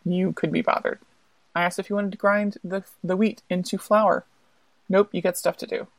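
A woman's voice: on the low side, level tone, moderate pace, creaky, no room sound, poor audio. A woman voicing a hardworking, indignant little red hen in a told folktale, scolding in an exasperated rant.

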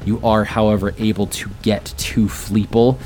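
A man acting as game master, narrating and refereeing a tabletop game in a halting way. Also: on the low side, little pitch movement, darkish tone, a little hiss or hum.

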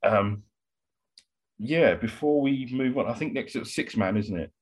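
A man's voice: mid-range voice, measured pace, breathy edge. A British man co-hosting a podcast in casual chat, with loose, hesitant phrasing. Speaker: wrestling podcast co-host.

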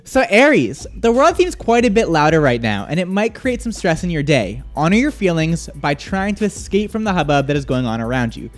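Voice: medium pitch, fairly quick, hardly any pauses, soft background music. A radio show host in casual morning chat, laughing often and reading horoscopes. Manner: giggly, animated, laughs often.

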